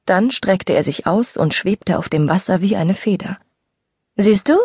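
A woman narrating a young-adult novel as an audiobook reader, with a breathy voice, recorded in a studio. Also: fairly low pitch, moderate pace, a little mellow, no room sound. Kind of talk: scripted narration.

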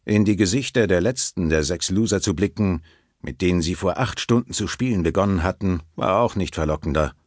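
A man narrating an audiobook in an expressive, varied reading on a close studio mic. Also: low-pitched, brisk, dry recording. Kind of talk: scripted narration.

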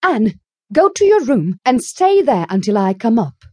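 Woman reading as a no-nonsense dry spinster, firm, slightly husky. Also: a little high, very animated, a little slow, a little mellow, no echo, pitched above the performer's own voice. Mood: stern. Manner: dry, firm, plain-spoken. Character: stern, dry middle-aged spinster woman. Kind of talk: audiobook character reading.

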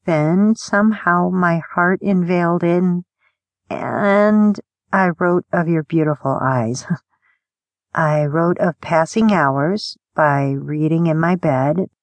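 Slow, soft-spoken woman reading poetry. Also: lowish voice, no room sound. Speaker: audiobook narrator.

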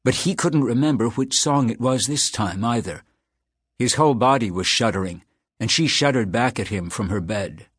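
A man narrating a literary novel as an audiobook, in a measured, even storytelling manner. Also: medium pitch, slightly rough, no echo. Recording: dry close studio sound.

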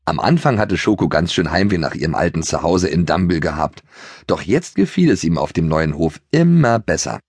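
Man, audiobook narrator, deep voice, husky edge, dry studio sound. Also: moderate pace, no room sound. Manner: animated storytelling. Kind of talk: lively children's story reading.

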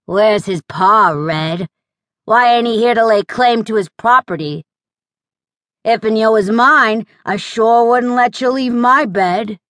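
A woman narrator voicing a leering, whining frontier town drunk with a high, giggly drawl. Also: slow, a bit bright, no room sound, clean studio sound.

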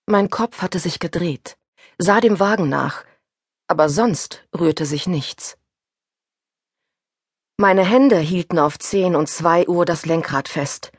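A woman reading a first-person suspense audiobook aloud, with a husky voice that turns tense and breathless in the panic passages. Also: lowish voice, slow, long pauses, no room sound, studio quality. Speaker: audiobook narrator. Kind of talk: scripted first-person narration.

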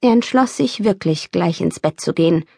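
A woman reading an audiobook in steady, measured scripted narration, recorded close in a studio. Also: on the low side, gravelly, husky, dry recording. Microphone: studio microphone, close.

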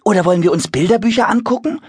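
A man voicing a curious, eager little boy in a children's audiobook, coaxing and lively. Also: high-pitched, very fast, husky, no room sound, studio quality, pitched above the performer's own voice. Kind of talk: audiobook character voice.

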